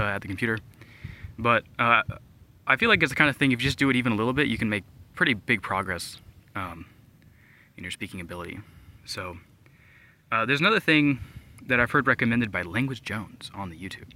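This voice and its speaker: A man's voice: medium pitch, bright, forceful tone, a little hiss or hum. A young man hosting a language learning podcast, explaining a study method in a casual, rambling way, full of fillers and "right?" tags. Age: young adult. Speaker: podcast host.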